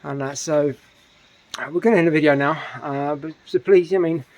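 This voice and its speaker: A man's voice: a little high, fairly even intonation, moderate pace, a little mellow, no room sound. A middle-aged man with a British accent, a little out of breath after a run, chatting casually to camera and rambling with lots of fillers and restarts. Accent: British English. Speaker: running vlogger.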